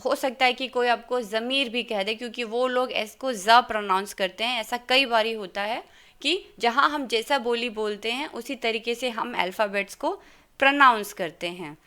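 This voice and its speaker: A woman's voice: a little high, normal speed, bright, forceful tone, clean tone. A woman teaching German in an online lesson, patiently sounding out letters and explaining in Hindi mixed with English. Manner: patient, careful pronunciation, mixing Hindi and English.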